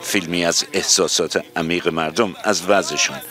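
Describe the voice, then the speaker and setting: A man narrating a news report as a reporter, formal and measured. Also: low-pitched, fairly even intonation.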